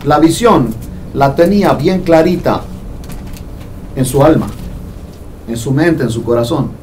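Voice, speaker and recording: Man, pastor, casual sermon delivery, somewhat high voice, recorded from a distance with faint room noise. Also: a little mellow. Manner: conversational, jokes with the congregation. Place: church hall.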